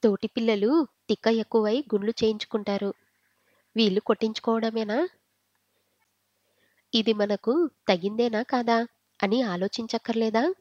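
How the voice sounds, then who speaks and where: A woman's voice: fairly high pitch, normal speed, long pauses, a little mellow, no echo, close to an everyday voice. A proud old grandmother lectures her family with scorn in this storybook, voiced by a woman narrator. She is stern and set in the old ways. The sound is dry and close, with a dull top end. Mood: scolding. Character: scolding old grandmother, proud and tradition-bound.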